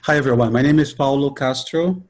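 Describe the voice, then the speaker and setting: A man's voice: mid-range voice, brisk, darkish tone. A man from Brazil, a choral director, introducing himself steadily on a video call. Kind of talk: casual self-introduction.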